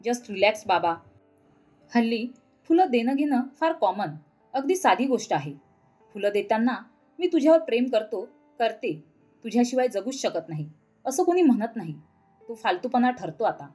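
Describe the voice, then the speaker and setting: A woman's voice: a little high, sing-song, moderate pace, long pauses, a little mellow, faint music behind. A woman voicing a cool, casual young college daughter who slips English words into her speech in a storybook reading. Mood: breezy.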